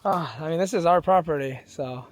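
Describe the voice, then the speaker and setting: A man's voice: on the high side, fairly quick. A man talking to camera in a casual, joking vlog outdoors. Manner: joking, laid-back. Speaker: vlogger. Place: outdoors on a building site. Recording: outdoor noise.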